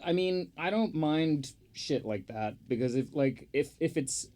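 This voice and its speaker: A man's voice: fairly high pitch, animated, measured pace, darkish tone. A man chatting on a podcast as the football pundit, opinionated and rambling, with lots of fillers and the odd swear. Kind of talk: casual chat.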